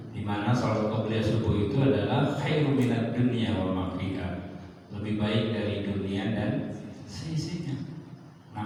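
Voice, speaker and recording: A man teaching a slow, explanatory mosque lesson on prayer, chanting short recitation examples. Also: mid-range voice, a little mellow, slight background noise. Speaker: religious teacher. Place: mosque hall. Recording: echoey hall, distant mic.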